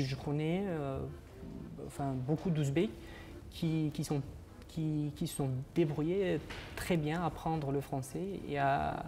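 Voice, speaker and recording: A fairly high-pitched, creaky yet mellow voice belongs to a young man from Uzbekistan in his twenties. A master's student appearing on a TV morning show, he answers in second-language French with an Uzbek accent, hesitating and restarting often.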